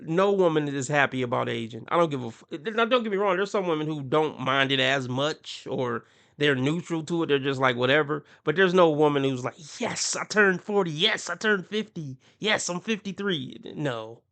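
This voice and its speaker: A fairly high-pitched man with a gravelly, raspy edge runs a reaction commentary. His voice is bright and forceful, and he talks with a mocking tone. He laughs often and puts on voices to quote people. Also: lively intonation, moderate pace. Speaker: commentary channel host.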